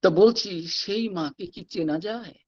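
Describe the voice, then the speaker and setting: A monk delivering a devotional talk at an online gathering, reading letters aloud and telling stories with animated quoted voices. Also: male voice, high-pitched, measured pace, muffled recording. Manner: animated storytelling, voicing quoted figures. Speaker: monk giving a religious talk. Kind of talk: devotional discourse with read-out letters. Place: online satsang session.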